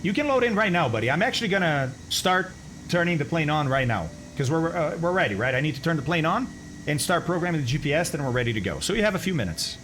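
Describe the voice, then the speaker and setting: A man's voice: fairly high pitch, sing-song, fast talker, a bit bright, slight background noise. A man streaming a flight simulator, chatting casually with viewers, thinking aloud and laughing often. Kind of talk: casual live-stream chat.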